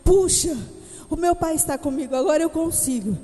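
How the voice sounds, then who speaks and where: A little boy stuck high on a slide speaks softly and pleads with his father, as a woman preacher puts him on. The words come small and hushed. An echoey church hall surrounds him. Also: normal speed, lightly acted. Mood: relieved.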